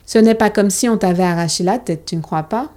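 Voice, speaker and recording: A woman voicing a tall older schoolboy who is gentle and reassuring, in a storybook reading. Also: medium pitch, fairly quick, lightly acted.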